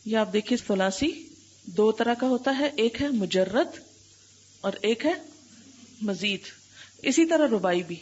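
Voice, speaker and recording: A woman teaches a grammar class in a fairly high, husky voice. She keeps firing questions at her students and slowly stretches out each letter and example word. The recording sounds dull and lo-fi. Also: expressive, darkish tone. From Pakistan. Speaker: Islamic scholar teaching Arabic grammar.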